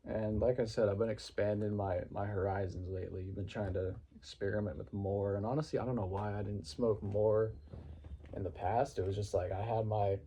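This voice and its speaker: A man's voice: lowish voice, fairly even intonation, a little fast, warm tone, muffled recording. A man talking casually to viewers in a rambling, laid-back, informal vlog style. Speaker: vlogger. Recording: some background noise.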